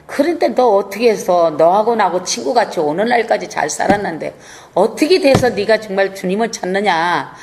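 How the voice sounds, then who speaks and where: A woman's voice: mid-range voice, expressive, normal speed, a little mellow, slight background noise, close to an everyday voice. A woman pastor voicing a bossy, mocking demon that refuses to leave a person, within a sermon. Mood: possessive. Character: taunting demon clinging inside a person.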